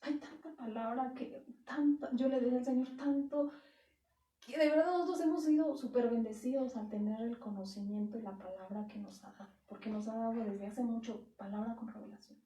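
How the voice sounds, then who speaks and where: Woman pastor, high mellow voice, emphatic sermon delivery, echoey church, distant mic. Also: brisk. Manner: earnest, emphatic teaching, quotes scripture aloud.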